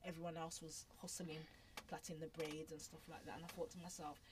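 A woman chatting quickly and animatedly as a podcast co-host, telling stories. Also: sits low, flat delivery, background noise. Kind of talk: casual chat.

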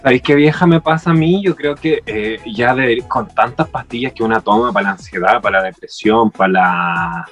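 Chilean-accented man, husky, campy mock-dramatic teasing, casual chat over faint music. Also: mid-range voice, normal speed, few pauses, a bit bright. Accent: Chilean Spanish.

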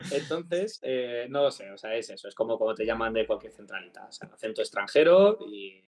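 A man's voice: medium pitch, brisk. A man chatting casually as a podcast co-host, retelling a story with jokes. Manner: storytelling, jokey, animated retelling of a phone call. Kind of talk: casual chat.

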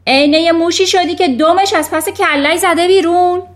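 Lady putting on a huge angry headmistress, yelling and roaring, high voice. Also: lightly acted. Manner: roaring, shouting. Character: furious giant female headmistress, bullying and roaring.

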